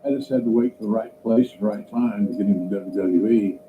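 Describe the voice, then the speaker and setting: Deliberate low-voiced man, dull noisy sound. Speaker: former wrestling executive interviewee. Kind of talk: documentary interview recollection.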